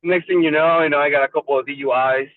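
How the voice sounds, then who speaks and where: A man's voice: a little high, steady tone, fast, no echo. A man from Mexico calling in on a car speakerphone while driving, telling his story in a candid, loose way. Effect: car speakerphone call. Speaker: support group member. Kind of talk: casual personal story. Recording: tinny phone line, distant mic in a car.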